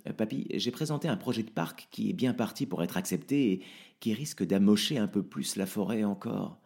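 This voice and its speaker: A man's voice: fairly low pitch, brisk, gravelly, a little mellow. A man voicing a nervous stammering dad. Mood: anxious. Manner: hesitant and stammering. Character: anxious fortyish male dreamer, nervous.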